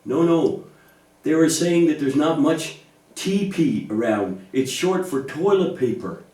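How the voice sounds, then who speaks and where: A man with a slightly high, dark voice speaks animatedly yet a bit slowly in a church puppet show for children. He reassures and explains things simply in gentle scripted dialogue about faith, heard through a distant microphone in an echoing room.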